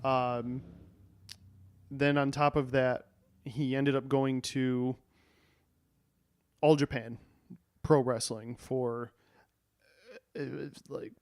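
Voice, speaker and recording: A man co-hosting a podcast, chatting in a relaxed, amused way. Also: mid-range voice, takes it slowly, pauses often, clean tone. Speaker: podcast co-host. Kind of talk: casual chat.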